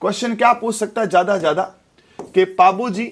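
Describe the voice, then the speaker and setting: A man's voice: high-pitched, a little fast. A young man, teaching an exam-prep class in a chatty way and often checking with his students. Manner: chatty, repeats tag questions like "theek hai". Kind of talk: live exam-prep lesson.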